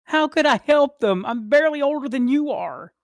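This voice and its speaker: A game master putting on a panicked teenage brother, pitched well up from the narrating voice, yelling and pleading. He is loud and urgent. The sound is dry. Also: expressive, very slow, dry recording.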